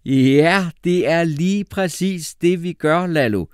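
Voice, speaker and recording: A man voicing an exasperated male schoolteacher who shouts and gets flustered. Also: medium pitch, animated, no echo, clean studio sound, pitched above the performer's own voice, close to an everyday voice.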